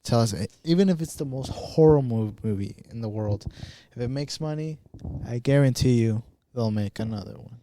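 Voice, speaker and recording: A man's voice: mid-range voice, fairly quick, few pauses, a little hiss or hum. A man co-hosting a podcast, chatting casually with lots of fillers and repeats. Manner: animated, repeats himself, many fillers. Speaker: podcast co-host. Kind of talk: casual chat.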